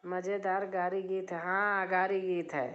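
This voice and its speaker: Soft-spoken middle-aged woman hosting a live chat. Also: mid-range voice, little pitch movement, measured pace, muffled recording. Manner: speaks softly, keeping her voice down. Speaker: live stream host. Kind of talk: casual live chat reading comments. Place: drawing room at home.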